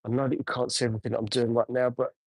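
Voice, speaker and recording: A man's voice: mid-range voice, flat delivery, rapid-fire, dry recording. Guy washing a car live, chatting to viewers, dry close sound, sometimes drifts off mic. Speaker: car detailer live-streaming. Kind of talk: casual live-stream chat while working.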